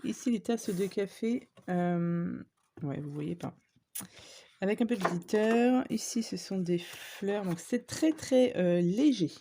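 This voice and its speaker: A woman's voice: mid-range voice, slow, noisy background. A woman chatting casually to viewers as she shows off craft supplies she bought, with lots of fillers and small asides. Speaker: scrapbooking vlogger. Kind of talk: casual shopping haul show-and-tell.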